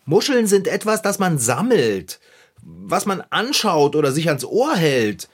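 A man playing an excitable, fussy, cake-loving character in a children's radio play, telling his woes dramatically. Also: a little high, measured pace, slightly rough, full character voice. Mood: upset. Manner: dramatic, flustered, whiny storytelling.

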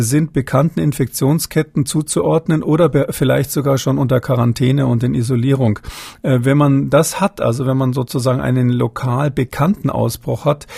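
A man's voice: mid-range voice, creaky, mellow, husky, dry recording. A man answering interview questions as an expert guest, hesitant, with many fillers and restarts.

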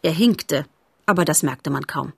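A woman reading a children's novel aloud as narrator, in a steady, expressive storytelling manner. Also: sits low, a little slow, gravelly, husky, no echo, studio quality.

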